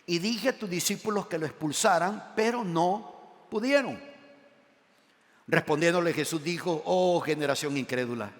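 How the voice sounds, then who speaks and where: A man preaching a sermon as pastor, reading scripture aloud and asking the congregation questions. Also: normal speed. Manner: animated, swinging between loud emphatic lines and quiet low asides. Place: church sanctuary. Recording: long church hall reverb.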